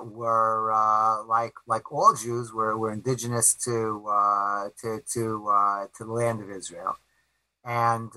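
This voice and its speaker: Halting, bright-voiced middle-aged man. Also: on the low side, no echo, rough recording. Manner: halting, with many repeated words and restarts; earnest, emphatic. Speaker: rabbi and author being interviewed. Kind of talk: explanatory interview answers.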